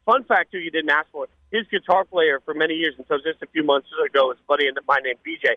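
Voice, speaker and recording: A man with a fairly high voice chats as a radio guest, rambling through casual stories. The sound is dry and slightly dull. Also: fast, no echo. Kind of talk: casual anecdotal storytelling.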